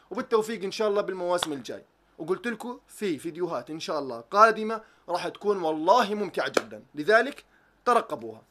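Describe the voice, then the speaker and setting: A man's voice: high-pitched, noisy background. A young man, ranting animatedly about football as a vlogger, swearing oaths and mocking tactics talk. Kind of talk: excited football reaction rant.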